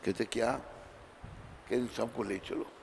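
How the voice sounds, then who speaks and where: A man preaching a sermon in Hindi, telling a story with dramatic swings between loud and soft and acting out the dialogue. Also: medium pitch, steady tone, a little slow, vocal fry. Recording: reverberant hall with faint background noise.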